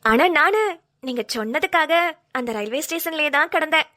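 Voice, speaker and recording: High tearful woman voicing a cartoon. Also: lively intonation, moderate pace, bright, forceful tone. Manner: tearful, pleading, rural dialect. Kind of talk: melodramatic cartoon voice acting.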